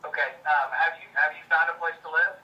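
A man's voice: a little high, steady tone, fast. Man on speakerphone, re-recorded from the room. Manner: apologetic, placating, stammers on restarts. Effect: phone call on speaker, re-recorded from the room. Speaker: mortgage lending executive. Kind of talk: phone call with a customer. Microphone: phone speaker picked up by another recorder. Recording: muffled distant speakerphone with faint hiss.

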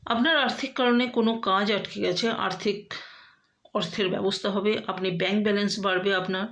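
A woman astrologer talks straight to her viewers through a horoscope reading. Her voice sits at a middle pitch, and she keeps a steady, explaining pace, pausing often with small filler sounds. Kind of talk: horoscope talk to camera.

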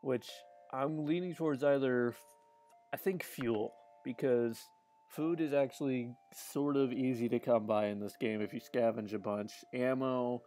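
This streamer speaks at a measured pace in a warm, medium-pitched voice, with faint music behind him. Playing a game live, he rambles chattily, laughs a lot, and restarts his sentences.

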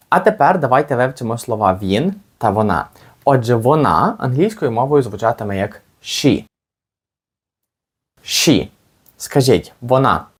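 Man teaching, lively slow model phrases. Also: mid-range voice, breathy edge. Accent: Ukrainian. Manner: explains patiently, models phrases slowly for learners to repeat. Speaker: English teacher. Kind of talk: language lesson with slow repetitions.

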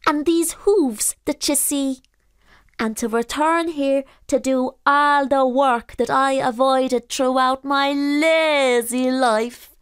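Woman doing a male donkey-like spirit, old former servant, high, slow drawl, polite, storybook. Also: fairly even intonation, no room sound, studio quality. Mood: confessing. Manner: slow, drawn-out and courteous.

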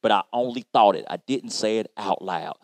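A man playing an upbeat construction worker who tells a Bible story to children in an animated, chatty way. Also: on the low side, normal speed, no room sound, close to an everyday voice. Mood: lively. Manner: animated, chatty, addresses kids directly. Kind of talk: kids' Bible lesson storytelling.

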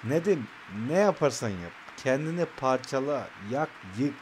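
A man's voice: mid-range voice, lively intonation, measured pace, a little hiss or hum. A young man casually commentating his own football video game match, calling out passes and trash-talking his opponent.

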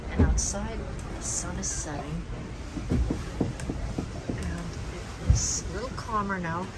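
Middle-aged woman vlogging on a sailboat, kinda low voice, wind roaring in the phone mic. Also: slow pace. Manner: relaxed, chatty, describing the scene as she films. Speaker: sailing vlogger. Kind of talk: casual narration while sailing. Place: outdoors on a sailboat at sea, also in the cabin. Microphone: handheld phone camera. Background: loud wind and water noise.

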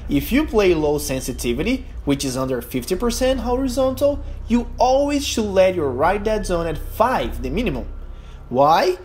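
This gaming YouTuber is a young Brazilian man speaking English as a second language, his Brazilian Portuguese accent and non-native phrasing clear as he voices a gameplay tutorial. His high, darkish voice swings widely in pitch at normal speed, earnest and emphatic, over a slight hiss or hum.

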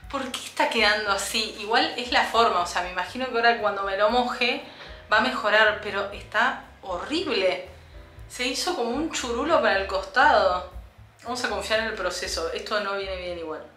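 A young woman with an Argentine accent, chatting casually as she cuts her own hair at home, a bit hoarse from a cough, self-mocking and thinking aloud. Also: mid-range voice, moderate pace, bright, forceful tone, reverberant, faint music behind. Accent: Argentine Spanish. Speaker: beauty vlogger. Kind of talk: casual vlog chat. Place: home bathroom.

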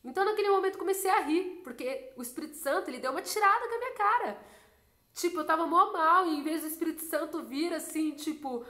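High-voiced woman, roomy echo. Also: fast. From Brazil. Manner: animated, emotional storytelling. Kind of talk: casual testimony.

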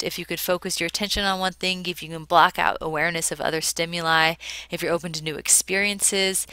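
A woman's voice: on the low side, sharp tone, clean tone, no echo. A woman giving a conversational slide lecture, explaining informally like a psychology teacher.

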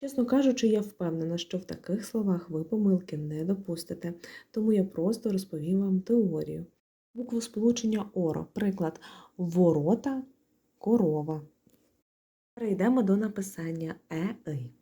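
A woman teaching a spelling lesson in Ukrainian, explaining rules calmly and methodically and stressing each example word. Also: medium pitch, moderate pace, slightly rough. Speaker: language teacher.

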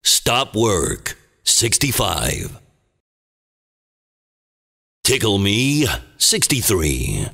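A man playing a booming, dramatic movie trailer announcer, calling bingo in short theatrical phrases with a gravelly voice. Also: wildly swooping pitch, sharp tone, full character voice. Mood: dramatic, portentous. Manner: theatrical, deliberate, clipped phrases. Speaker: bingo caller. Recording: long booming reverb.

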